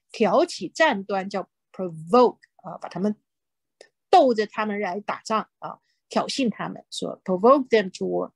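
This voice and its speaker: A woman teaching a Bible lesson in Mandarin, slowly repeating and spelling out English words and often adding "OK". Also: medium pitch, husky, no room sound.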